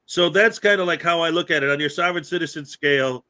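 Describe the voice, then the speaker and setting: Bright-voiced man chatting casually. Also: on the high side, fast talker. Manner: rambling, frequent laughter and fillers. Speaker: podcast host. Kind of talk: casual chat.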